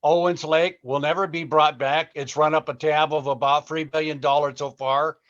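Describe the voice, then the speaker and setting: A man's voice: on the high side, a bit bright. A man giving a pointed, skeptical public comment at a meeting, heard over a video call that breaks up. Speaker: public commenter, local vice mayor. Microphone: computer mic on a video call. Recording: muffled video call audio.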